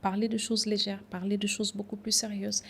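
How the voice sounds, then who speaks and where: A woman from Senegal, a guest on a podcast interview, speaking in a reflective, measured way with some hesitations. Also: medium pitch, flat delivery, creaky, a little hiss or hum.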